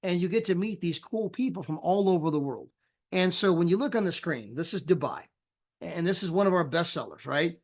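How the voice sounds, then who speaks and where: A man's voice: sits high, expressive, fairly quick, darkish tone. A man giving a chatty sales presentation over a screen share, often tagging his points with "right?" and "you know".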